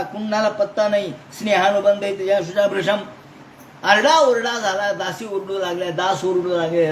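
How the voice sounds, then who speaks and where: A man from Maharashtra gives a storytelling discourse on scripture, his voice pitched high for a man. He acts out the story dramatically, shifting between voices and asides. He is recorded in an echoey room with a faint noise floor. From Maharashtra, India. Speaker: scripture lecturer.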